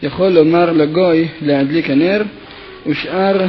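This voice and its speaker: A man's voice: on the high side, highs cut off, soft background music. A man teaching a Torah lesson, telling a parable with acted quotes and then explaining legal texts step by step. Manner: storytelling with lively acted quotes, then steady explanatory reading of legal text. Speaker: rabbi teaching.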